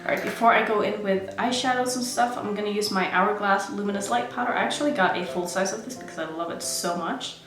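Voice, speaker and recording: Talking fast with hardly any pauses, a woman who grew up in Norway self-narrates her makeup routine in a chatty beauty vlog. Her pitch is medium, and the room sounds echoey.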